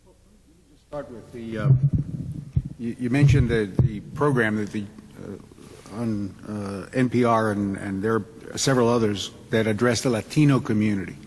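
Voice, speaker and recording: A man from Puerto Rico speaking earnestly on a symposium panel, halting and restarting his sentences. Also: on the low side, steady tone, darkish tone, a little hiss or hum. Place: conference hall. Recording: long reverb of a large hall.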